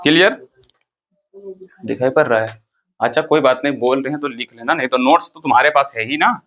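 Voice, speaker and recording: A man's voice: mid-range voice, a little fast, a bit bright, muffled recording. A man teaching a class, firing questions at the students and repeating the key terms. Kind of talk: classroom lecture.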